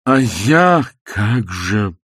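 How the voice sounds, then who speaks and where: A man voicing a pompous, self-pitying middle-aged husband who whines in a slow theatrical drawl. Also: on the low side, big pitch swings, fairly bright tone, breathy edge, no room sound, clean studio sound, full character voice. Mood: plaintive.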